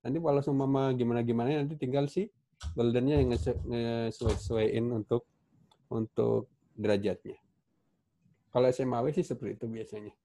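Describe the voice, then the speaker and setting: Male welding instructor with an Indonesian accent, mellow tone, loose and halting delivery, computer mic on a call. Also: mid-range voice, fairly even intonation. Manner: casual, halting, many fillers and restarts. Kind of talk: online class lecture. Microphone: computer mic on a video call.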